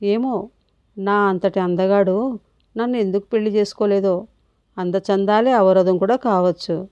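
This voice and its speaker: A gentle, sorrowful older woman, read by a woman narrator in a soft and tender way. The voice is mellow and warm, and the recording is dry and a little dull. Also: medium pitch, fairly even intonation, measured pace, no room sound, lightly acted.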